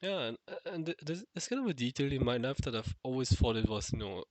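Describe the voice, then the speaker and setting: A man with a nasal, stuffed-nose voice vlogs an unscripted solo monologue, musing to the camera with hesitation, many fillers, and restarts. His mid-range voice is animated and a little fast, with no room sound.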